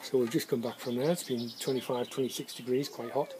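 An Englishman in his fifties, mid-range and fast-talking, films himself at arm's length in a sunny garden while reviewing homebrew beer and cider. He chats casually to the camera, thinking aloud with ums. Heavy background noise fills the clip.

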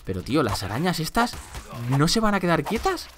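A young man talks through his gameplay in an animated, bright voice that swings widely in pitch. He is chatty and exasperated, swearing and exclaiming at his bad luck. A faint hiss of noise sits under the desk-mic recording. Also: fairly quick. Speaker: gameplay commentator. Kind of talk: casual game commentary.

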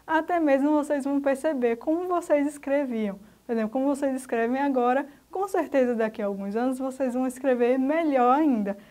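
A woman's voice: high voice, brisk, few pauses, mellow. A woman teacher with a Brazilian Portuguese accent, patiently explaining a grammar lesson to children step by step. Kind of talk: recorded remote school lesson.

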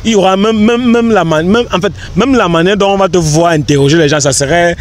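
Sitting on a park bench with faint street noise around him, a young man who creates content is interviewed casually outdoors. He speaks quickly in a high voice, answering in an earnest, rambling way and restarting often.

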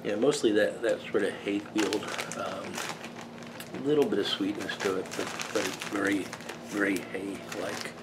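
An American man in his fifties giving a casual, rambling video review in a halting, unhurried way, recorded in a small workshop. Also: lowish voice, fairly even intonation. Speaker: pipe tobacco reviewer. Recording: clearly noisy room background.

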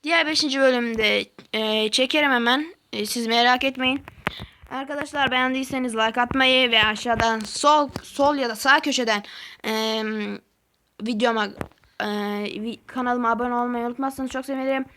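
A woman giving excitable, easily frustrated let's-play commentary as a gaming channel host, talking to herself while she plays. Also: fairly high pitch, moderate pace, slight background noise.

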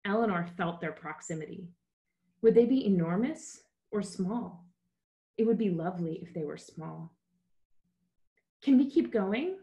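A woman novelist reads from her book over a video call, then chats casually about writing in a plain manner full of fillers. Her voice is lowish and dark-toned, at a normal speed.

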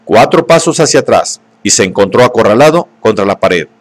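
A man reading a novel aloud in scripted narration, at a steady, measured pace. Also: fairly low pitch. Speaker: audiobook reader.

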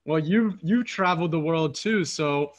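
Speaking through a headset from his apartment, a thirtysomething podcast host from Philadelphia chats with a guest over video call. His voice sits a little high and moves a little slowly, running on eagerly with occasional fillers.

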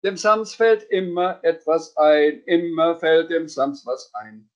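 A man voicing the Sams, a cheeky childlike creature who speaks in rhymes, in a high sing-song voice. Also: animated, unhurried, dull audio. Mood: singend reimend. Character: frecher, kindlicher Sams, reimt ständig.

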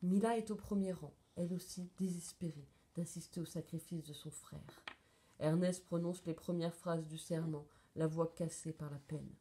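A woman's voice: on the low side, steady tone, normal speed, warm tone. A woman reading a children's storybook aloud expressively, doing voices for the characters.

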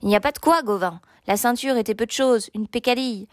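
A woman's voice: fairly high pitch, quick pace, no room sound, studio quality, close to an everyday voice. A woman playing a sneering giant knight. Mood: kindly. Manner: taunting, sneering. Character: huge mocking male knight, later a kindly lord. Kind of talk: storybook reading.

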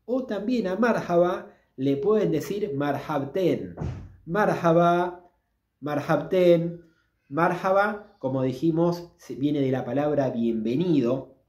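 A man with a Rioplatense Spanish accent, giving a casual video lesson on Arabic greetings and slowly repeating each word for practice. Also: on the high side, warm tone, roomy sound. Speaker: Arabic language teacher.

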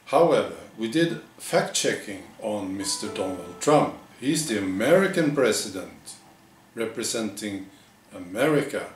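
A man in his forties delivers satirical news with a deadpan, mock-earnest manner. His voice is fairly low and he speaks very slowly, with halting pauses. The sound is echoey, picked up by a camera across a living room. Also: slight background noise. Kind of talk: deadpan parody news monologue. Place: living room with bare walls, indoors. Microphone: camera a few metres away. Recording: echoey room, distant microphone.

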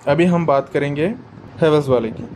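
A man's voice: a little high, measured pace, darkish tone, a little hiss or hum, low-quality recording. A man giving a casual how-to product demo, chatty and explanatory, talking straight to his viewers. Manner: chatty and explanatory, often addresses the viewers as guys. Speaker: product reviewer.

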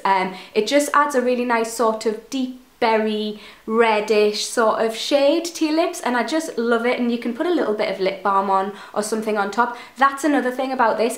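With a voice on the high side and a roomy sound, a twenty-something beauty vlogger reviews products casually in her bedroom indoors, speaking to a camera close in front. She gushes enthusiastically, sounding slightly nasal because of a cold.

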